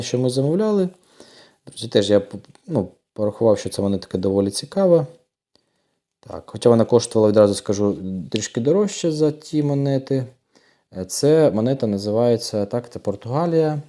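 Male host for casual unboxing chat, lowish warm voice, chatty and unhurried, talks straight to his viewers. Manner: chatty, often addresses viewers as friends, thinks aloud. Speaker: coin collector channel host.

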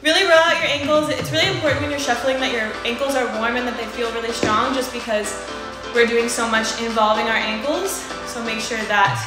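A woman's voice: fairly high pitch, steady tone, brisk, loud music behind the voice. A woman teaching a live online dance class, out of breath as she counts out the steps. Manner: upbeat, counting steps aloud. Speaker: dance instructor. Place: indoor room, dancing live. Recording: echoey room.

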